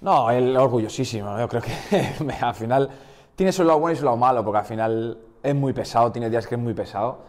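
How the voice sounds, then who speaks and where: A guest footballer in his twenties, from Portugal but raised in the Basque Country, gives a relaxed interview in Spanish with a slight Basque accent. His mid-range voice is heard in a large hall, and his talk is full of restarts and fillers.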